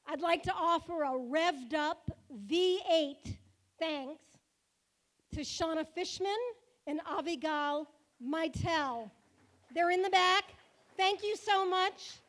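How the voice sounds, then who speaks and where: A woman, the synagogue president, giving a joking, warm-hearted speech at a banquet held in a car museum hall. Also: extremely high pitch. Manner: playful, joking speaker.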